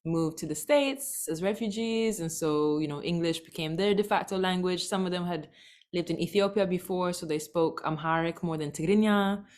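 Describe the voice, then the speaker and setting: A woman guest, a language educator born in Thailand, talking in an animated, laughing way on a video call. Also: moderate pace. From born in Thailand, raised in several countries. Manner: animated, laughing, big swings in pitch. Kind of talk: casual conversation.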